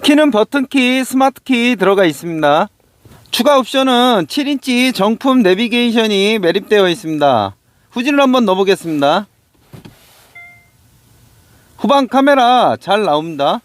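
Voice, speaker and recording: High-pitched male used car salesman presenting. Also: animated, normal speed, no room sound. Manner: practised, formulaic, polite car salesman patter. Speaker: used car dealer presenting cars on his channel. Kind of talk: scripted sales walkaround presentation.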